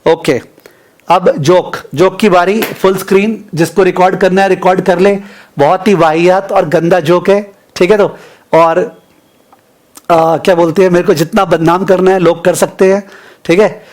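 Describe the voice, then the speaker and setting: A chatty man from India teaching a finance class online, with a fairly high voice. He mixes Hindi and English freely and keeps checking in with his students as he goes. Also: steady tone, moderate pace, darkish tone. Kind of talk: online class lecture, casual asides.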